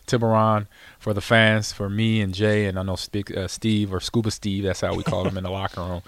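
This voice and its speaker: A former football player hosts his own show, talking casually in a fairly low, flat voice at a fairly quick clip. He spins a rambling story packed with fillers and laughter.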